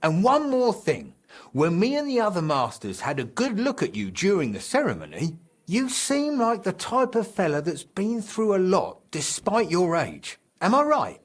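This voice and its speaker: A man voices a video game character, a jovial, dice-loving medieval guildmaster described as both middle-aged and older, in a full character voice that is high and at normal speed. His dialogue is hearty, expressive, and comradely, with a confiding mood.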